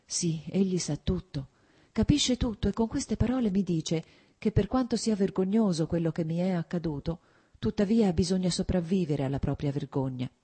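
A woman's voice: fairly low pitch, normal speed, warm tone, breathy edge, voice pushed up. A woman reading a hurt, ashamed young girl.

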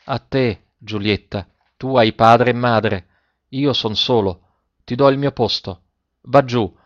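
A man voicing a brave, self-sacrificing boy who speaks quietly and slowly, with solemn resolve. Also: medium pitch, no room sound, natural voice. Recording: dull, dry, muffled recording.

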